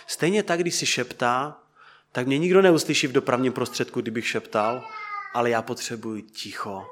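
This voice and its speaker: A man preaching to a congregation in church, asking them questions and letting his voice sink soft and quiet at the ends of thoughts. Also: medium pitch. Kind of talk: interactive sermon.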